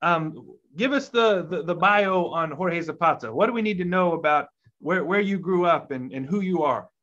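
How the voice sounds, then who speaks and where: A man's voice: a little high, moderate pace, fairly bright tone. A man hosting a church conversation series, asking friendly, rambling questions with fillers. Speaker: host. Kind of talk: conversational interview. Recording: dull lo-fi audio.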